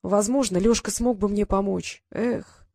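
A woman's voice: medium pitch, fairly even intonation, unhurried, vocal fry, darkish tone, no room sound, studio quality. A woman voicing a shy, embarrassed teenage girl in an audiobook, speaking hesitantly. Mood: glum. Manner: mumbling, hesitant.

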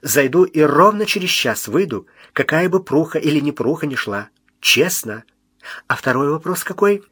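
A man's voice: a little high, expressive, moderate pace, fairly bright tone, husky, no echo, clean studio sound, voice pushed up. A man voicing a playful young wife who pouts, coaxes and acts offended, in an audiobook reading. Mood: coaxing. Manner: pouting, coaxing, mock-offended. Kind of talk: audiobook character voice.

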